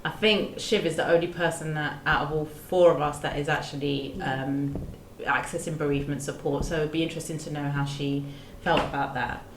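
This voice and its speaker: A woman from hosts a podcast discussion. She talks in a measured, earnest way and stumbles into small restarts, in a roomy, echoing room. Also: deep voice, fairly even intonation, slight background noise. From London, England. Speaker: podcast host. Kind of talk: podcast discussion, partly read from research notes. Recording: roomy echo.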